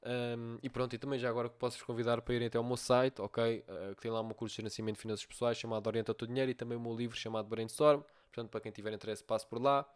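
A man's voice: medium pitch, level tone, racing, few pauses, smooth. A man with a European Portuguese accent hosting a solo podcast, giving advice and often checking in with his listeners. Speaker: podcast host.

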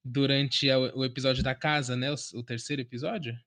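A Brazilian man in a casual group discussion, speaking haltingly and repeating words as he builds his point. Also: mid-range voice, fairly even intonation, a bit bright.

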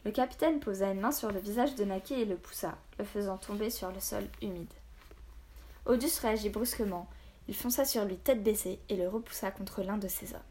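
Woman, audiobook narration, expressive, steady, mid pitch. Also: brisk.

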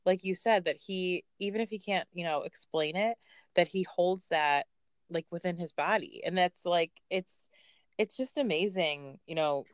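Woman interviewer, fairly low clear voice, attentive and reflective, casual and halting in conversation. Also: no echo.

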